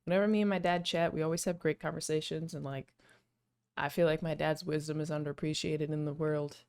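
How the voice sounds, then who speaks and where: A woman's voice: sits low, steady tone, brisk, darkish tone, clean tone. A young woman hosting a casual podcast chat over a call, sounding groggy and sleepy, talking tentatively with many fillers. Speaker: podcast host. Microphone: video call.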